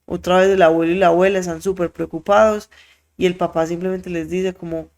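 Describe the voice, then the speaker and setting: Podcast host, lively storyteller who voices the characters. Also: medium pitch, fairly quick. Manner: animated, acts out quoted voices; frequent filler words.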